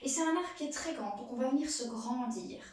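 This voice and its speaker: A woman's voice: high voice, expressive, brisk, a little mellow. A young adult woman teaching a playful yoga lesson to children, with a sing-song manner that speaks straight to the child. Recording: echoey room, voice from far off.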